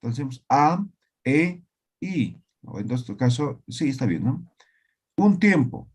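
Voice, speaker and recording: A man teaching a language class online, slowly repeating words and often checking that students follow. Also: mid-range voice, sing-song, a little mellow, husky.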